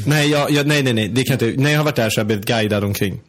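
A man in casual podcast chat, hesitant with frequent restarts, teasing his co-host. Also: medium pitch.

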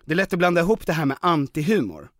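A man hosting a podcast who walks through categories in an explaining tone, with the odd filler. His voice sits a bit high. The sound is close and dry, with no room echo. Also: big pitch swings. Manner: lecturing, lists categories with fillers. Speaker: podcast host. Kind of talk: casual explanatory chat.

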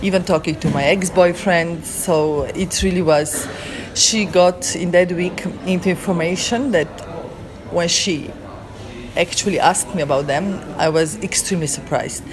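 A woman from Slovenia with a Slovenian accent, answering interview questions haltingly as she searches for her English words. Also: on the low side, background noise. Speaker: interview guest, chef. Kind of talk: spoken interview.

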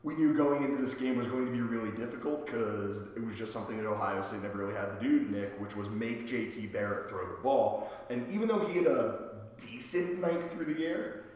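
A hoarse man hosting a casual sports podcast, recorded in a home basement with heavy echo. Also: mid-range voice, a little fast, darkish tone. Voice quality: worn-out voice from a night of cheering. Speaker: podcast host. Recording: very echoey basement with reverb.

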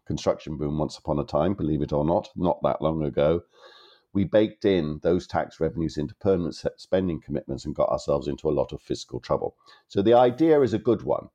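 A man's voice: rumbling low, warm tone, highs cut off. A man hosting an economics podcast, explaining in long turns with wry asides. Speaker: podcast host.

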